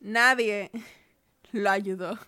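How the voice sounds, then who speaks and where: A woman co-hosting a casual podcast, narrating a story in a dry, deadpan way. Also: medium pitch, extremely slow, clear, resonant tone. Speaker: podcast co-host.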